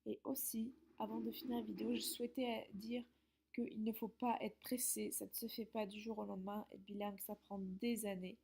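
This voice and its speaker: A woman's voice: mid-range voice, flat delivery, normal speed, gravelly, warm tone, a little hiss or hum. A woman English teacher giving friendly, explanatory study tips to her students, with some hesitations.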